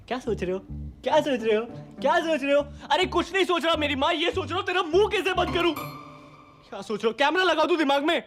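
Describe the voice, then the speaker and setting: An actor playing an exasperated young man who sarcastically rants to a friend in a film monologue. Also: very high-pitched. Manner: ranting, sarcastic, venting to a friend. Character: exasperated young man ranting about women.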